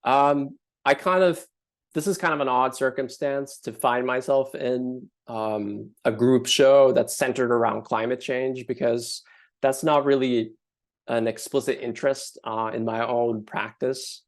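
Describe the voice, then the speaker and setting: A man from Finland, giving a thoughtful artist talk with frequent pauses and fillers. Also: mid-range voice, steady tone. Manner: thoughtful, hesitant with many fillers.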